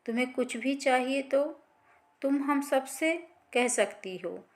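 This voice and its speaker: A woman storyteller voicing a timid, wronged young daughter-in-law who speaks softly. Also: high voice, takes it slowly. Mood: meek.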